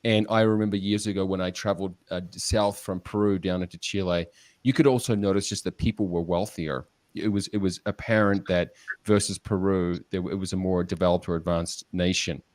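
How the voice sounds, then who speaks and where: A man's voice: sits low, fairly even intonation, brisk, a little mellow, dry recording. A man hosting an interview, asking long, hesitant questions and restarting them often. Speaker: podcast host, interviewer.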